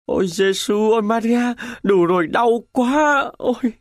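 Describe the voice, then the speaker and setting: A man's voice: extremely high pitch, measured pace, no room sound, studio quality, voice pushed up. A man voicing a badly wounded young soldier who wails and sobs in agony, in an audiobook. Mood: anguished. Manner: wailing, sobbing pleas. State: crying.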